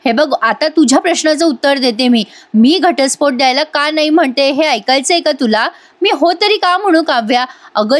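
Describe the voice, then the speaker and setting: A woman's voice: high-pitched, lightly acted. Woman reading as an earnest young wife, firm. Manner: pleading, firm lecturing tone. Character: young married woman, earnest, steady elder sister.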